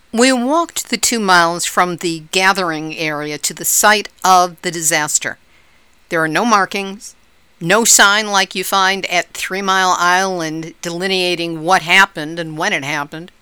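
A woman reporter narrating a news feature in a measured, steady way. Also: fairly low pitch, clean tone, dry recording. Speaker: radio reporter.

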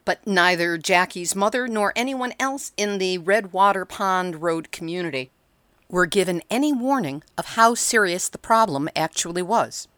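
A woman reporter narrating a news feature in a measured, steady way. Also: fairly low pitch, clean tone, no echo. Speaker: radio reporter.

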